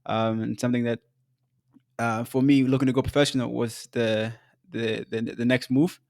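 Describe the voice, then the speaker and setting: A young podcast host from South Sudan reads his scripted solo narration, telling his own story earnestly and at a measured pace, now and then adding an um or starting over. His middle-range voice is gravelly and darkish, with little pitch movement. The sound is close and dry, nearly free of room sound.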